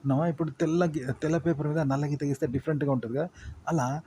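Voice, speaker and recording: Fast-talking man teaching. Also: a little high, steady tone, warm tone, a little hiss or hum. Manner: rambling, repetitive explaining with fillers. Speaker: content creation teacher. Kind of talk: casual spoken lesson.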